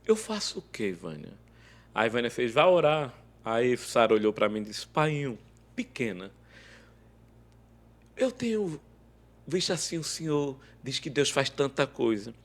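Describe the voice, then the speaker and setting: A man's voice: measured pace, pauses often. A man telling an emotional faith testimony as a podcast guest, acting out every quoted line of dialogue. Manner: animated, acts out quoted dialogue with big swings in pitch and loudness.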